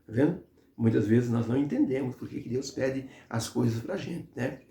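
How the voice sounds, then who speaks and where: A man's voice: medium pitch, normal speed, warm tone. A man teaching a Bible lesson through devotional storytelling, talking conversationally with frequent hesitations. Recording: roomy echo.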